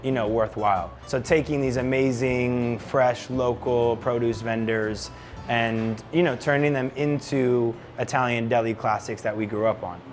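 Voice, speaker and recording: A man from New Jersey in a middle-pitched voice, talking about his restaurant as its co-founder. His manner is relaxed and enthusiastic, full of "you know"s, with soft music behind him. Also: unhurried. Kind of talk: casual interview.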